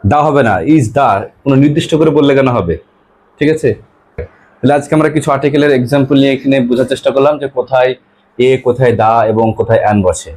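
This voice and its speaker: A male teacher from West Bengal, India, gives an English grammar lesson to a class, putting questions to pupils and repeating what they answer. His mid-range voice has a darkish tone and fairly even intonation, and he reads the English examples slowly.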